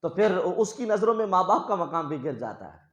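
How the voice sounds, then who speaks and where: A man delivers a storytelling sermon, pressing hard on key phrases. His voice sits fairly high. The room around him rings with echo. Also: big pitch swings. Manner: emphatic, swells loud on key phrases. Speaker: preacher. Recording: echoey room.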